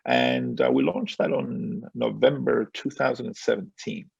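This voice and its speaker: A man in his forties from Spain, telling his story as a guest on a video call, relaxed and full of fillers and small laughs. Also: mid-range voice, unhurried, vocal fry, breathy edge, dry recording, lo-fi sound. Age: 40s. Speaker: guest, company founder. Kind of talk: casual interview on a call.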